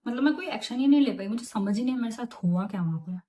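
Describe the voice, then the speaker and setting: A young adult woman telling a story in a casual vlog, chatty and animated, with English words mixed into her talk. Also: fairly high pitch, racing. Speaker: vlogger.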